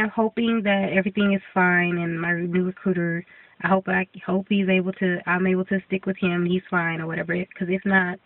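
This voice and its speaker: Recorded off-mic with a thin, phone-like quality, this young female vlogger speaks on the low side while rambling through a casual update. She's congested and clearly getting sick, filling her talk with ums and restarts.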